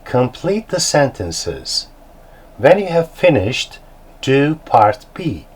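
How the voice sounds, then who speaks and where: A man with a Turkish accent teaching beginner English, slow and deliberate, spelling words out letter by letter. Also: medium pitch, very animated, husky, low-quality recording.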